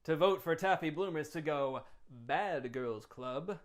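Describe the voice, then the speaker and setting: A man with a slightly high voice works as game master. He speaks as an announcer for a tabletop game show. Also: unhurried.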